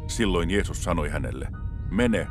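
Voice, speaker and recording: A man narrating scripture in a steady, measured reading for a film. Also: sits low. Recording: music playing clearly under the voice.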